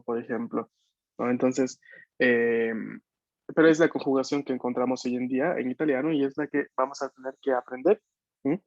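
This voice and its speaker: A man with a medium-pitched, darkish voice leads a beginners' language class by video call, the audio dull and dry with no echo. He's patient, regularly questioning the students to make sure they understand.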